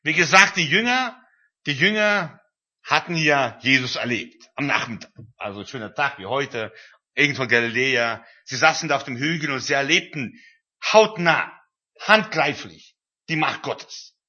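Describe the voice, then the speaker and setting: A man's voice: mid-range voice, animated, moderate pace, sharp tone. A man preaching a sermon, retelling a scripture passage in a conversational way with frequent fillers. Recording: dull, lo-fi recording.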